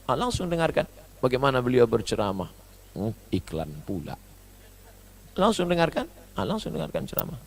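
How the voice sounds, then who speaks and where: A man giving a humorous sermon, swinging between loud high bursts and soft low asides as he mimics foreign phrases. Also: very animated, quick pace, a little hiss or hum. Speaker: preacher.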